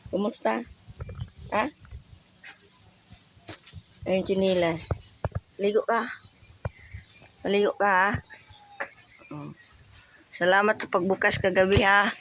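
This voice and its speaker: Slow-talking man vlogger, teasing and fussing. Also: sits high, fairly even intonation, bright, forceful tone, a little hiss or hum. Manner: teasing, fussing, keeps asking questions. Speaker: vlogger host. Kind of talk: casual vlog chat.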